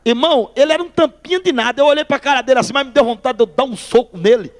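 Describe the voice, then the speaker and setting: A man preaching his testimony in a church hall, telling a lively story and calling listeners brother. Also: very high-pitched, racing.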